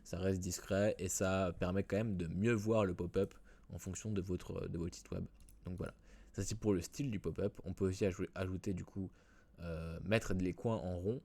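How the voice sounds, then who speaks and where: A man walks through a software tutorial in a casual way, with many fillers and restarts. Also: low voice, steady tone, moderate pace. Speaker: WordPress tutorial host. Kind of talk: screen-recorded software tutorial.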